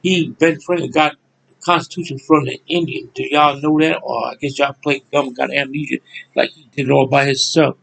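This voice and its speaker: A man's voice: medium pitch, fairly even intonation, fairly quick, vocal fry, a bit bright, rough recording. A man, ranting angrily to his viewers in a repetitive monologue, cursing as he goes. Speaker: channel host. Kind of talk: angry monologue to camera.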